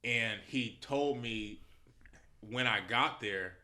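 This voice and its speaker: A male musician guest in a casual podcast chat, telling lively stories and acting out what people said. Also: mid-range voice, takes it slowly. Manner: animated storyteller, acts out quotes.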